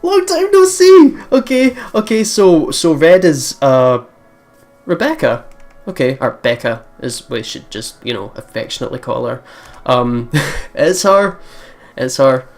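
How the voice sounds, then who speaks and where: This man's voice sits on the high side, swinging widely in pitch as he takes his time. Reading a visual novel aloud for a let's play, he reacts playfully and chats along, repeating words often, with game music underneath.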